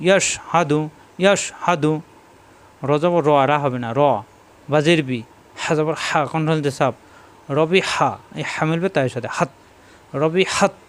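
Patient man drilling syllables slowly. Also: fairly high pitch. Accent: Bangladeshi Bengali. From Bangladesh. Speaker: Quran reading teacher. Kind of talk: slow spelling drill lesson.

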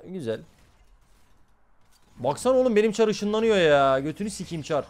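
A young man streams a game live, reacting loudly and swearing in nearly every sentence. His voice sits high and swings widely, jumping up and down as he talks to his chat. He comes across as excitable and blunt. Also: moderate pace. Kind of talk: live gameplay commentary.

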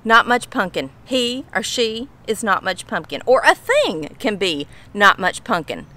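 A woman's voice: medium pitch, sing-song, a little slow, bright, forceful tone. A middle-aged woman with a Kentucky Southern drawl, chatting casually outdoors to camera as she explains things in a folksy way, repeating phrases for emphasis. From Kentucky, United States. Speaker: vlogger explaining slang. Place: outdoors on a home pool patio.

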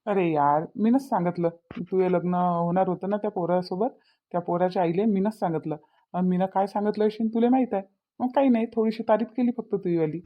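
A smug, spiteful young man who gloats over his revenge, speaking in a Vidarbha Marathi accent, voiced by a woman. His voice sits at a middling pitch. The recording sounds slightly dull and lo-fi. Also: a little fast, lightly acted. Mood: gloating. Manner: taunting, smug.

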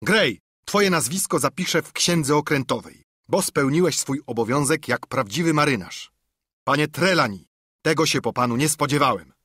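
A proud, unbending ship captain, put on by a male reader, who gives orders in clipped, scornful lines. His voice is husky and sits close to the mic. It is storybook narration with firm authority. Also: on the high side, animated, moderate pace, fairly bright tone, no echo, voice pushed up. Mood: scolding. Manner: commanding, curt, scornful. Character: stern, proud naval ship captain, unyielding man.

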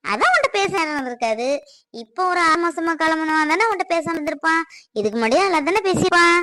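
Protective mom played by a woman, scolds and consoles, high pitched, dry sound, family skit. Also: big pitch swings, quick pace, pushed and bright, no room sound, full character voice. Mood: consoling. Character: middle-aged mother, protective and fussing.

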